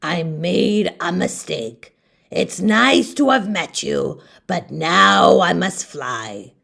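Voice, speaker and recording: A mean, menacing storybook dragon, played by a woman. He speaks very slowly and deliberately, with broad swings in pitch. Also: animated, vocal fry, a bit bright, full character voice. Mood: cowed apology. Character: mean, menacing male dragon who turns cowardly.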